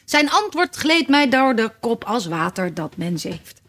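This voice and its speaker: A gentle, eccentric storybook knight, played by a woman, speaks in an earnest, measured rhythm. His words come slowly, with steady and unhurried care. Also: a little high, full character voice.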